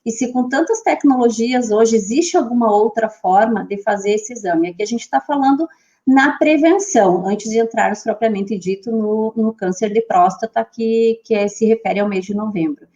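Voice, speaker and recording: A woman hosts an online health panel, introducing guests and asking questions hesitantly, with many restarts and fillers. Her voice is fairly high and warm at normal speed, in a rough recording.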